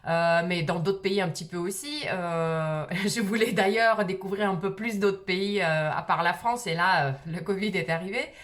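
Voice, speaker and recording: Give me a middle-aged woman from Russia, faint accent, pausing often as she recounts memories. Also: fairly low pitch, a bit bright. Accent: slight Russian. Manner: hesitant, frequent "euh" fillers. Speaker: vlogger. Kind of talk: casual personal storytelling.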